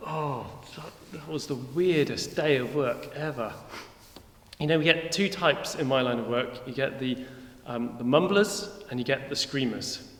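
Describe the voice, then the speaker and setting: An actor playing a weary, chatty Roman centurion in a comic monologue, talking in a rambling, wry way. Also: male voice, medium pitch, a little slow, a bit bright, close to an everyday voice. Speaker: actor in church children's video. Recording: echoey hall with long reverb.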